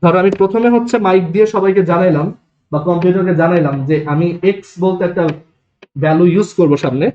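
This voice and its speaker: A man's voice: sits high, fast, darkish tone. A man with a Bangladeshi Bengali accent teaching a programming class, explaining step by step and checking with his students. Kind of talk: classroom lecture. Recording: echoey classroom, dull lo-fi sound.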